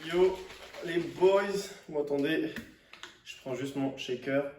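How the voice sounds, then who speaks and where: A young man with a slightly high voice rants to camera like he is thoroughly fed up. His speech is casual, slangy and exasperated, with swearing. The microphone sits at a distance, and the room echoes around him. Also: slow, darkish tone, a little hiss or hum. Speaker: fitness vlogger. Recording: roomy echo, distant microphone.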